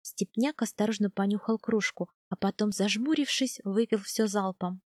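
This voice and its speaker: A woman narrating a first-person audiobook in a calm, even storytelling manner. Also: medium pitch, normal speed, no room sound, clean studio sound.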